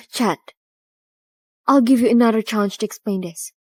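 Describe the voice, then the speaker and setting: A betrayed, stern bride who demands answers. Her voice is fairly high and recorded dry and close. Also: measured pace, a little mellow, no room sound. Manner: stern, questioning. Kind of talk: dubbed drama acting.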